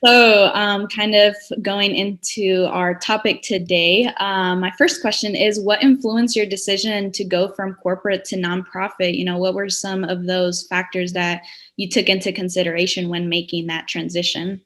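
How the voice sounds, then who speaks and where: A young female student co-hosting an interview. She sets up the topic and asks her questions plainly at a middle pitch. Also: little pitch movement, moderate pace, fairly bright tone. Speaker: co-host, student.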